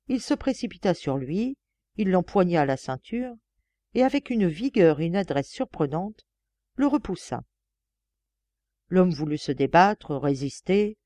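A woman reading a classic novel aloud as an audiobook narrator, measured and expressive. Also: lowish voice, no room sound.

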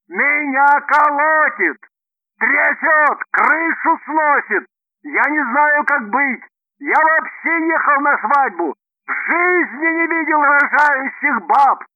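A man voicing a panicking businessman who shouts desperately and snaps rudely. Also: high voice, expressive, a little slow, no echo, narrow, tinny audio, pitched above the performer's own voice. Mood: frantic, shouting. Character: panicking middle-aged male businessman, rude and frantic.

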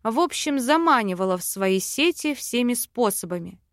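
A woman reading a fantasy audiobook in smooth, even first-person storytelling. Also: on the high side, moderate pace, dry recording, studio quality. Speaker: audiobook narrator. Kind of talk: scripted narration.

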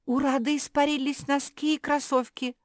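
A woman's voice: high-pitched, flat delivery, normal speed, no echo, clean studio sound, voice pushed up, close to an everyday voice. A woman voicing a shy young girl who squeals and whines. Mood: squealing. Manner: squealing, whiny.

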